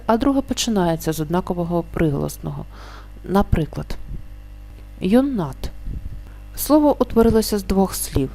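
A woman teaching a spelling lesson, explaining rules slowly and stretching out each example word. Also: mid-range voice, dark tone. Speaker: language teacher.

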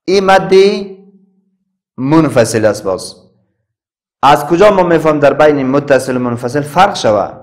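A man with an Afghan Dari accent teaching a Quran class, spelling out letters and vowels slowly and chanting the verses. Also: on the high side, expressive. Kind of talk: classroom recitation lesson.

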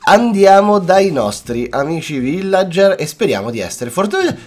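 A man's voice: high voice, very animated, moderate pace. A young Italian man giving chatty, playful gameplay commentary, talking to his viewers and mixing in English words, with a cough-worn voice. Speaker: gaming YouTuber. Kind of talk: casual Let's Play commentary. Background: faint background music.

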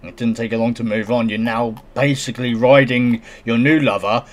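A man's voice: medium pitch, steady tone, moderate pace. Giggly, sarcastic man reading news. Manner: giggly, sarcastic, stumbles while reading aloud. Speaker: commentator reacting to a news story. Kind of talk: casual reaction commentary.

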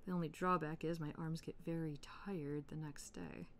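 A woman in her thirties hosting an art tutorial, chatting in a relaxed way while she colors, with soft murmured asides. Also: sits low, moderate pace, slight background noise. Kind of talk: casual chat while coloring.

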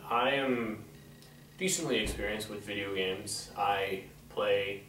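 A man's voice: on the low side, takes it slowly, fairly bright tone, slight background noise. A nineteen-year-old man, a music student, talking casually in an interview, recorded by a camera across a small room. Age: young adult. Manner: casual, matter-of-fact. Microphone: camera mic at a distance. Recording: echoey room, distant mic.

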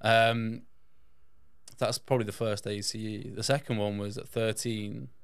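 In an interview, a Yorkshire-born Englishman who grew up in south-west England relaxes into personal anecdotes as a podcast guest. His lowish voice is flat and unhurried, with vocal fry and a clean tone. The studio-quality recording has no room sound.

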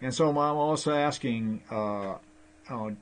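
At a measured pace, a middle-aged man whose first language isn't English gives rambling commentary on a screen share, speaking into his desk webcam in a small room. His pitch is typical for a man, and his delivery is hesitant, full of fillers, restarts and "uh." Slight background noise can be heard.

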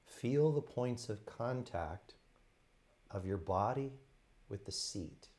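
A man with a lowish, expressive voice leads a guided meditation in a teacher's role. His speech is soft and unhurried, made of short phrases with pauses between them.

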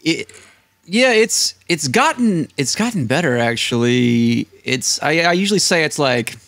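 A man in his thirties with an American accent appears as a podcast guest, sitting at a desk in a small indoor room and talking into a close desk microphone on a video call. His voice is a little high and fairly bright, animated but unhurried, as he tells casual anecdotes and acts out what people said. The audio is studio quality with no room sound.

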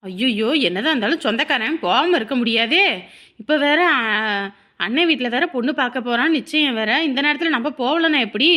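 A woman playing a devoted middle-aged village mother in a family drama, speaking softly. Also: high voice, expressive, fairly quick, heavily acted. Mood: worried.

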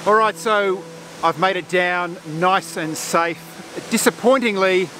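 A landscape photographer vlogs outdoors in a forest and at a gorge lookout, talking casually to the camera with music playing behind him. His voice is high-pitched and his pace slow, and he explains things in a chatty way, full of fillers. The camera's own mic, held at arm's length, picks him up.

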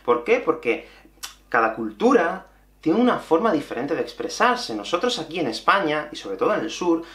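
A young man from Andalusia with an Andalusian Spanish accent, teaching a lively video lesson and stressing his points with repetition. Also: a little high, moderate pace, roomy sound. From Andalusia, Spain. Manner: animated and emphatic, repeating key points.

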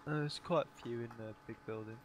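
A man's voice: medium pitch, fairly quick. A man chatting casually with a teammate during an online shooter game, laid-back and easygoing. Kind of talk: casual gaming chat. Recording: noisy online voice chat.

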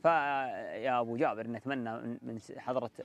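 A man's voice: mid-range voice, fairly even intonation, moderate pace, gravelly, dull audio, noisy background. A young man with a Bedouin Saudi Arabic accent, chatting casually and telling stories with frequent polite forms of address. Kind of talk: casual chat and storytelling. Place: walled set with artificial grass, seated group.

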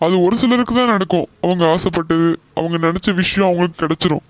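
A woman doing a gentle, patient cartoon son. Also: fairly low pitch, fast talker, dry recording, pitched below the performer's own voice, natural voice. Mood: gentle reasoning. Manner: soothing, patient, persuasive. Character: calm young man, gentle reasoning son. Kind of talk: cartoon voice acting.

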